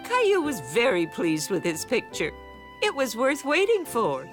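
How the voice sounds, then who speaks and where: A woman narrating a children's cartoon in clear, warm storytelling tones. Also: on the high side, wildly swooping pitch, a little slow. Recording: cartoon narration with soft music.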